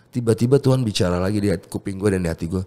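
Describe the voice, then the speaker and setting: A man's voice: fairly low pitch, racing. Fervent man. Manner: fervent, animated storyteller, mixes English words into slang. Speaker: music producer guest. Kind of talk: emotional personal testimony in casual chat.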